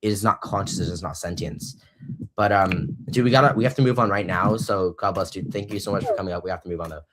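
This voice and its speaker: Young man, very low voice, debate host, halting delivery, slows to press points. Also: fairly bright tone, slight background noise. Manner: hesitant, restarts often, slows to press points. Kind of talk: casual online debate.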